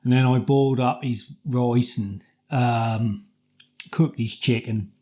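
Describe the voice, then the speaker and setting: Casting: middle-aged British male vlogger, soft-edged mellow tone, chatty and colloquial, circles back over his points. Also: medium pitch, fairly even intonation. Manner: halting, repetitive, colloquial. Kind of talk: casual rambling personal storytelling.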